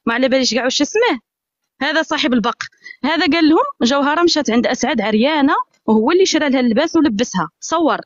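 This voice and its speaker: A woman with an Algerian Arabic accent pours out her grievances at a breakneck pace in a high, insistent voice. She comes through a phone on a live call, with dull, lo-fi audio in a dry space. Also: expressive, no room sound. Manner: rapid, aggrieved and insistent. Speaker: guest on a live stream. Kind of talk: casual live-stream chat.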